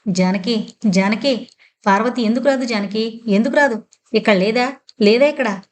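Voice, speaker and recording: A woman's voice: a little high, moderate pace, lightly acted. Brief: a frightened but determined father, urgent and insistent, as a woman narrator reads him in a horror audiobook. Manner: urgent, pressing questions.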